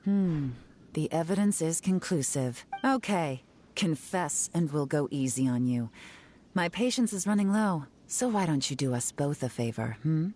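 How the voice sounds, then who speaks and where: Low-voiced, cool female enforcer. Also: lively intonation, darkish tone. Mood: confident, menacing. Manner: measured, commanding, wry. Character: cool, self-assured female enforcer, sternly teasing. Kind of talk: video game voice acting.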